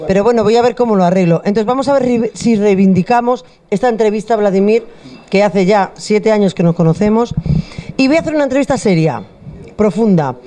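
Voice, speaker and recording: Speaking a little fast with a warm tone and medium pitch, this middle-aged host jokes and chats through her food show. She holds a handheld mic inside a bar stocked with wine shelves.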